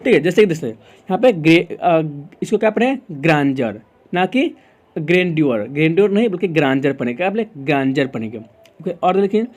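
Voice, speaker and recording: Casting: high-voiced Indian man as tutor; poses a question, answers it, repeats the rule. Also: expressive, a little fast, darkish tone. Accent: Indian English. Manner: asks the class questions and answers them himself, repeats rules. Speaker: English pronunciation teacher. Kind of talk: explaining lesson in Hindi.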